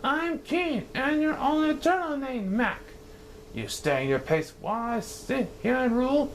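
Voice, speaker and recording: A man voicing a pompous, boastful male turtle king, shouting his commands in a grand manner. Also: lively intonation, moderate pace, a little hiss or hum. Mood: commanding. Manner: shouting, grandiose, high and strained.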